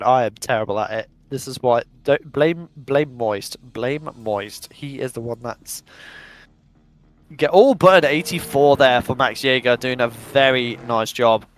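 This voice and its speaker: A young man gives chatty, upbeat play-by-play commentary on a virtual drift event while reading out the live chat. His voice is medium-pitched, with no echo.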